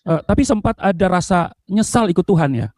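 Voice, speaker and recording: High-voiced man interviewing, pastoral. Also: expressive, fairly quick, a little mellow, dry recording. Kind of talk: church testimony interview.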